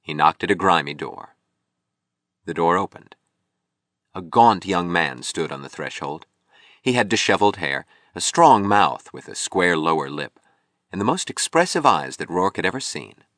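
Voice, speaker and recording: A man narrating an audiobook novel in a measured, expressive storytelling manner. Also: sits low, no room sound, studio quality.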